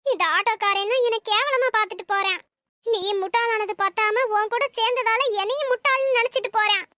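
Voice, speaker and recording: A woman voicing a bossy, quick-tempered old auntie in an animated comedy, scolding and bickering with sarcastic jabs. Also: very high voice.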